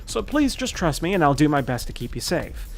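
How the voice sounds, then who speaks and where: A man voicing a brash, quick-thinking young male hero in a video game story, talking fast and urgently. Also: on the high side, very animated, soft background music. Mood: urgent, cocky.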